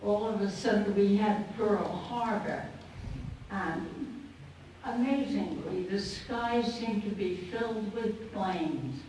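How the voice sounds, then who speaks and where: Her voice is medium-pitched and a little mellow: a woman in her early nineties, a poet appearing as guest speaker, telling an audience anecdotes from her life in short, careful phrases. The sound comes through a distant microphone in a highly echoey banquet room at a conference, with faint noise.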